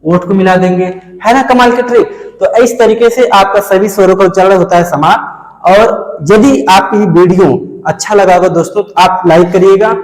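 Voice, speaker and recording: A man's voice: sits high, fairly even intonation, moderate pace. A male teacher giving a grammar lesson for exam preparation. He asks the class questions and answers them himself, and he says vowel sounds over and over to show them. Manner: calls viewers friends and kids. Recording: echoey room with a long reverb.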